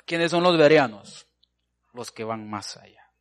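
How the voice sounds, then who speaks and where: A man's voice: mid-range voice, lively intonation, unhurried. A man preaching a folksy sermon, calling listeners brother and answering his own questions.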